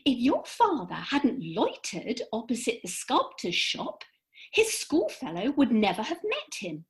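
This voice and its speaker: Here a woman is a superior fairy in a radio comedy, lecturing in a high, exaggerated voice with huge swoops of pitch. Each phrase is brisk, precise and stagey, and the tone is lofty and preachy.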